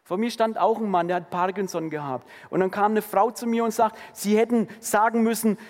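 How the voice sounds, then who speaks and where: A man with a high, light voice preaching a sermon, earnest and heartfelt, rising to emphatic lines and dropping to hushed ones. His words ring out with a long reverb in a church hall. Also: steady tone, brisk.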